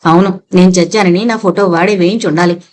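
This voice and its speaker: A woman's voice: on the low side, fairly even intonation, a little fast, a little mellow, close to an everyday voice. A woman voicing an irritable, harassed middle-aged father in an audiobook reading, grumbling angrily. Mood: exasperated. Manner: angry, grumbling.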